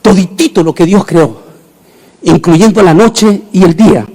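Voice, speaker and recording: A middle-aged man, preaching a sermon emphatically and rising into shouted proclamations. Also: high-pitched, unhurried.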